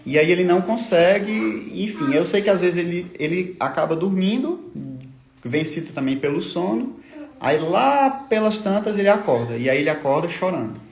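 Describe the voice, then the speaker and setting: Dad getting choked up telling his story, kinda high voice, echoey. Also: expressive, gravelly. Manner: tearful, halting, repeats words. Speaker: father of a sick child. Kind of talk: emotional personal testimony on a livestream. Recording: echoey room.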